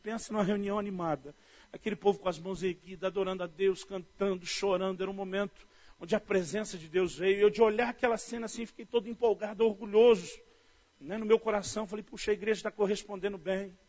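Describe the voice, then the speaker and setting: A high-pitched man with a Brazilian Portuguese accent preaches in an animated storytelling style. He talks to his listeners warmly as "dear". The recording sounds dull and lo-fi. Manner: storytelling, animated, often says "querido". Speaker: pastor. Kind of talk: sermon. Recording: dull lo-fi audio.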